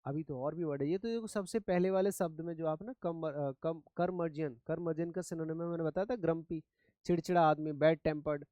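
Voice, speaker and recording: A man's voice: fairly high pitch, fairly even intonation, brisk, dark tone, no echo. A man from India teaching English vocabulary in Hindi, who repeats each word and gives memory tricks. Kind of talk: vocabulary lesson.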